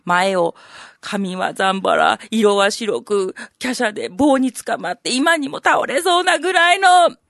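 A woman's voice: a little high, animated, unhurried, fairly bright tone, no room sound, clean studio sound. A woman with a Kansai accent voicing a condescending older know-it-all in rakugo, bluffing his way through a story. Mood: storytelling.

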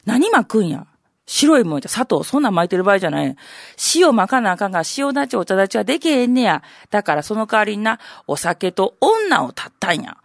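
A woman's voice: medium pitch, very animated, fairly quick, creaky, no room sound, clean studio sound. Woman doing a bluffing know-it-all Kansai elder. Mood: condescending. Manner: condescending, bluffing, storytelling. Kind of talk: rakugo storytelling.

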